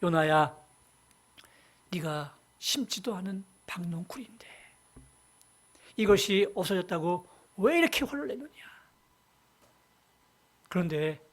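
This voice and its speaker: God, calm and gentle voiced by a pastor. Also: slow pace, pauses often. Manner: calm, soft, low. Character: God, gently reasoning with a sulking prophet.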